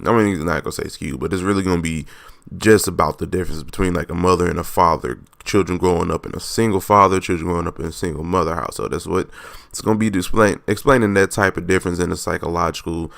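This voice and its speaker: Raspy, gravelly young man hosting a podcast. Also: low-pitched, steady tone, fast talker, fairly bright tone, no echo, clean studio sound. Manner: rambling, self-correcting, loose and informal. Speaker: podcast host. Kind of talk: casual solo podcast talk.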